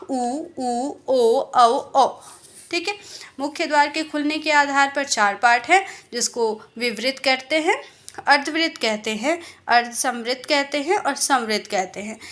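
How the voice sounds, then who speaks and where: A woman's voice: high-pitched, fairly bright tone. A young woman teaching an exam-prep lesson, explaining step by step, sounding out example vowels and mixing English words into her Hindi.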